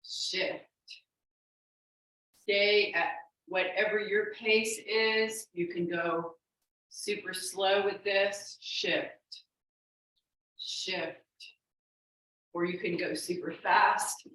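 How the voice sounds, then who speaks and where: A woman's voice: mid-range voice, steady tone, slow pace, a bit bright. A woman leading an exercise class as an instructor, cueing and counting moves in an encouraging, unforced way. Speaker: fitness instructor. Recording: very echoey room, distant microphone.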